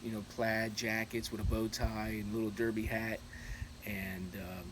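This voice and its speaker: A man in his forties chats casually and haltingly to his viewers, rambling through anecdotes and repeating himself as he goes. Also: fairly low pitch. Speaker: YouTube channel host. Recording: clearly noisy, steady background ambience.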